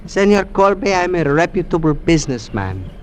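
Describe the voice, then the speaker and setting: A cautious, courtly elderly Peruvian gentleman in a vintage radio play. His voice sits high for a man, with a Spanish accent and careful, polite phrasing. The old recording has some background noise. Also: very animated. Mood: guarded, courteous. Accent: Spanish-accented English, Peruvian. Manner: formal, deliberate, polite. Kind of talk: old-time radio drama acting.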